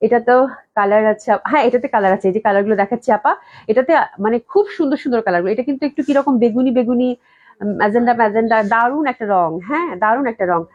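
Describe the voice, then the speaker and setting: Fast-talking, gushing woman seller. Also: on the high side, darkish tone, lo-fi sound. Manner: gushing, enthusiastic, repeats praise. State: recovering from a cold, coughing. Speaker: clothing shop owner selling dresses live. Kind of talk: live online sales stream. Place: indoors at the company office.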